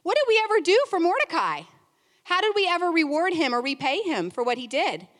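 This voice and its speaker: A woman voicing an excitable king who fires off eager questions, in a sermon retelling. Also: very high voice, a little slow, voice pushed up, exaggerated voice. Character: excitable ancient king, man, commanding. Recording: long hall reverb.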